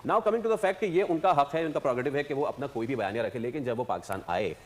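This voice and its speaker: Brief: mid-pitched man, fast but halting TV panel talk. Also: expressive. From Pakistan. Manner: hesitant, many fillers, mixes in English. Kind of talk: TV panel discussion.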